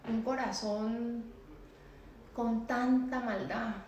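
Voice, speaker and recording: A woman's voice: fairly high pitch, steady tone, very slow, a little mellow, a little hiss or hum. Emotional woman telling her story, echoey room. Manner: emotional, repetitive, pleading. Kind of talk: personal testimony.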